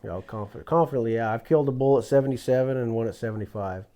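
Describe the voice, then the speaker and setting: Animated male storyteller on a podcast. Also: mid-range voice, racing. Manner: animated storyteller, acts out quoted lines. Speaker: guest telling hunting stories. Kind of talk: casual podcast chat.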